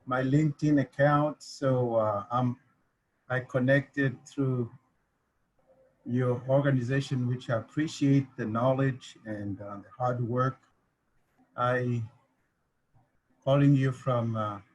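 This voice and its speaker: Slow, halting man on a video call. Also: medium pitch, low-quality recording. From Congo. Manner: hesitant, many fillers. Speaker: meeting participant. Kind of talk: online meeting remarks.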